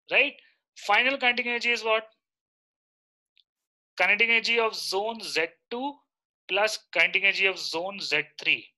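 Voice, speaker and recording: Delivering a live online lecture, this Indian-accented man in his thirties keeps checking in with short questions. His voice sits high with a sharp tone.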